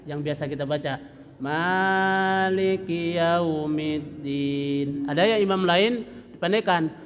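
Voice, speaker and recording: A man's voice: a little high, brisk, lo-fi sound, a little hiss or hum. A man with a Sundanese Indonesian accent teaching Quran recitation at a mosque study session, drawing out and chanting phrases to demonstrate them. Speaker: religious teacher. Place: mosque hall. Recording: long echo of a mosque hall.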